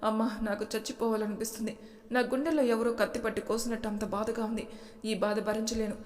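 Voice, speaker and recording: A woman voicing a heartbroken young husband who speaks in quiet despair. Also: sits high, little pitch movement, a little fast, big-room sound, lightly acted.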